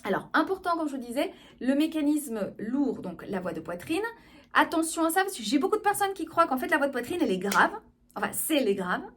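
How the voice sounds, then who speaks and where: A woman with a somewhat high voice explains vocal registers in a video lesson. She teaches with a lively, engaged tone and often pauses to check that her listeners follow. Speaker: speech therapist.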